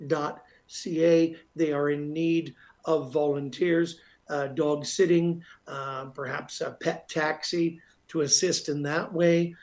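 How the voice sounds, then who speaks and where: A Canadian man hosting live radio talk and making announcements, repeating details for emphasis. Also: on the high side. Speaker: radio talk show host.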